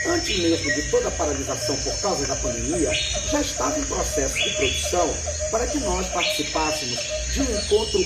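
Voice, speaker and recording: Male presenter, lively animated delivery, roomy sound over loud background music. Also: sits high. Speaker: storytelling company presenter. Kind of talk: project introduction.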